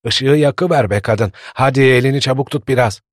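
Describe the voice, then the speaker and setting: A man voicing a worried, gruff old village grandfather who scolds and frets. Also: mid-range voice, normal speed, dry recording, clean studio sound, pitched above the performer's own voice, natural voice. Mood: urgent. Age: older. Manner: scolding, fretful.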